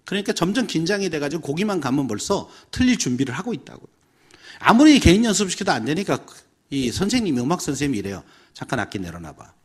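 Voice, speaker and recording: Husky-voiced male pastor, animated lecture. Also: fairly high pitch, quick pace. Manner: animated storytelling, acts out dialogue voices. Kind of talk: seminar lecture with acted quotes.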